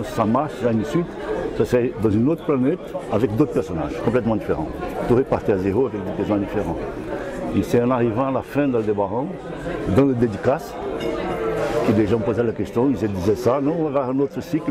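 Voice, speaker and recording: Older Brazilian man, halting French, crowd. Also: medium pitch. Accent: Brazilian Portuguese. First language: Portuguese. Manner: hesitant, searching for words, halting restarts. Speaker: comic book author. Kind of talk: interview answers.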